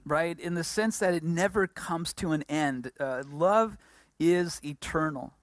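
Halting woman preaching a Bible lesson. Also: deep voice, no room sound, clean studio sound. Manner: halting, many fillers and restarts. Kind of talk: Bible teaching with live interpreter.

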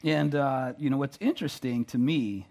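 A man preaching through an interpreter, halting, repeating words and often checking in with "right?" and "you know". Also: mid-range voice, a little mellow. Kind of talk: sermon delivered through an interpreter.

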